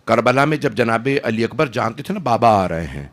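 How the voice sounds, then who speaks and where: A man's voice: medium pitch, big pitch swings. A man preaching an impassioned mourning sermon, dramatic and emotional, swearing oaths and rising to cries.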